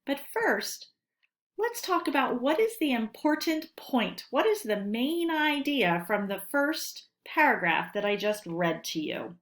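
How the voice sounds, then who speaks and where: A woman teacher reads a lesson aloud to children, deliberate and instructional, asking questions and then answering them. Her voice is high-pitched, sing-song and a bit bright.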